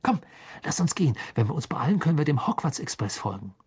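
A man's voice: on the high side, sing-song, fast, a little mellow, breathy edge, exaggerated voice. A man voicing an eager young boy wizard.

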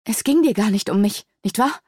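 A woman's voice: mid-range voice, lively intonation, brisk, a little mellow, breathy edge, dry recording, clean studio sound. A woman voicing a frightened young princess who stammers and pleads, in an audiobook. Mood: accusing. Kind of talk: audiobook character voice.

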